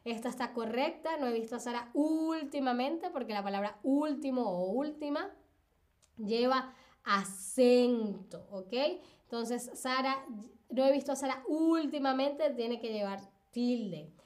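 Slow, high-voiced woman teaching spelling. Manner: patient, repeats examples and asks "¿ok?". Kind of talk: live-streamed spelling lesson.

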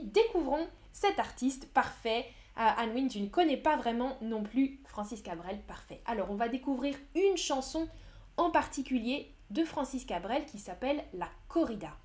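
Slow, clear French teacher woman. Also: high voice, expressive, a little mellow. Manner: slow and clear, explains words with synonyms. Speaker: French teacher streaming a lesson. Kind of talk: live-streamed language lesson, reading chat.

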